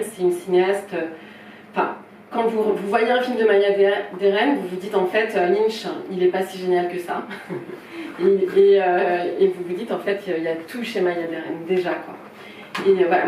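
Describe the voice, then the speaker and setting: A woman whose mid-range voice carries a darkish tone introduces a filmmaker to people in a film shop event room. Her manner is casual, unsure and apologetic, with lots of restarts. The audio is roomy, faintly noisy, captured by a distant mic.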